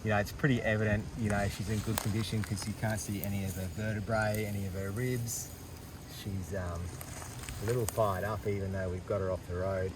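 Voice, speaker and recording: Australian male nature presenter, low register, enthusiastic slangy field delivery, noisy outdoor recording. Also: level tone, fairly quick, recorded from a distance. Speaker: wildlife host. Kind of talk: wildlife field vlog, casual presenting to camera. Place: outdoors in the bush.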